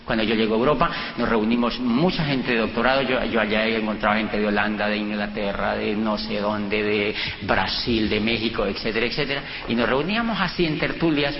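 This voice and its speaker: A middle-aged Colombian man with a Colombian accent, telling personal anecdotes to an audience and acting out the dialogue in a lively way. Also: a little fast, hardly any pauses. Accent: Colombian Spanish. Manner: animated anecdotes, acts out dialogue with lively pitch jumps. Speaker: speaker giving a talk. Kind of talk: storytelling lecture to an audience. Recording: dull, echoey hall with faint noise.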